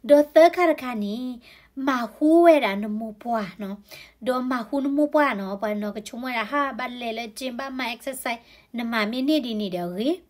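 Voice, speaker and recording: A woman explaining health topics in a conversational way, often adding tag particles to her sentences. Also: fairly high pitch. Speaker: health educator.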